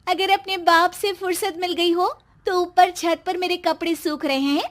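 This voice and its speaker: Woman doing a loud sarcastic young wife, bossy and scolding, high bright voice, storybook acting. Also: steady tone, moderate pace. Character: bossy sharp-tongued young wife, mocking.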